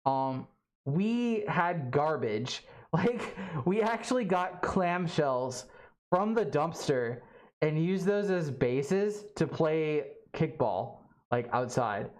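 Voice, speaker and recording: A streamer from Alabama chatting casually on a livestream from a home studio, halting and rambling with many fillers and restarts. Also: medium pitch, lively intonation. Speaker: livestream host.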